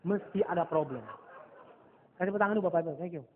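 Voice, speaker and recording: A man giving a motivational seminar to a live audience, telling stories with animated acted-out dialogue and dropping English phrases. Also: high voice, quick pace, noisy background. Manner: lively storytelling, mixing English phrases, acting out dialogue. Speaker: motivational NLP trainer. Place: seminar hall. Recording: echoey hall over a thin, phone-like line.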